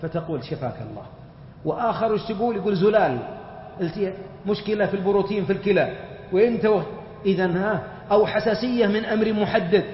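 A man giving a religious lecture, explaining points through lively everyday examples. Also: high voice, fast, a little hiss or hum. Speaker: religious teacher. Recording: muffled, echoey hall.

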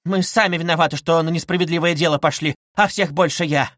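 A man's voice: on the high side, fairly even intonation, fast, fairly bright tone, no room sound, studio quality, pitched above the performer's own voice, natural voice. A man reading aloud voices an agitated, indignant older mother who keeps exclaiming. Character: indignant older mother, quick to take offence.

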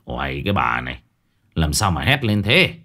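A gruff village husband grumbles and swears, as a male narrator puts him on. His voice drops low and curt when he scolds. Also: very animated, normal speed, sharp tone, exaggerated voice. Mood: annoyed.

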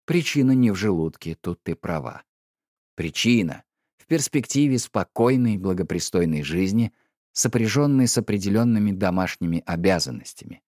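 A man reading an audiobook, voicing a stiff, pedantic middle-aged husband who talks in a slow, measured, reproachful way. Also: low-pitched, a little mellow, no echo, studio quality. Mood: cold, measured.

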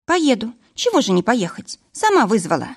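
A woman's voice: on the high side, huge pitch swings, moderate pace, husky, pitched above the performer's own voice, heavily acted. A woman reading an audiobook voices a defiant, sarcastic young woman in a raised voice.

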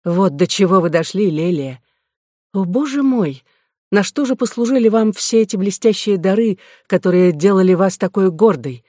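Sharp and reproachful, this is a worldly courtesan sister who scolds and lectures, proud of a life spent on pleasure, as a reader puts her on. She speaks at a middle pitch with lifts of emphasis, in a dry, close recording with no room around the voice. The telling is that of a classic audiobook. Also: expressive, normal speed, dry recording, close to an everyday voice. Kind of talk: audiobook reading.

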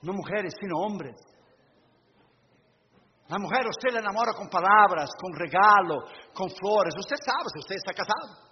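High-voiced preacher in an echoing hall. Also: male voice, lively intonation, measured pace, a little hiss or hum. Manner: emphatic preaching with sudden loud bursts and hushed asides. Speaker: pastor. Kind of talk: sermon. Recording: dull lo-fi recording with long hall reverb.

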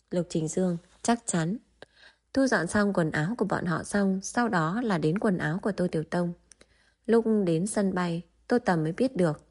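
A woman narrating a romance novel as an audiobook in a steady, even way. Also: on the low side. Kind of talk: scripted narration.

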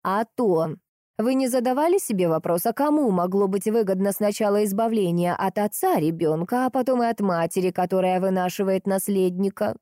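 A woman voicing a sharp-tongued, persistent older woman detective who is by turns sweet and cutting, in an audiobook. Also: mid-range voice, brisk, no echo, clean studio sound, lightly acted. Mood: insistent.

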